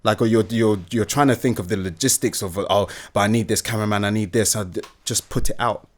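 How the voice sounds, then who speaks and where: A man's voice: lowish voice, fast. A young man from the UK, a guest chatting casually and animatedly, often laughing. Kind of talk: casual interview chat.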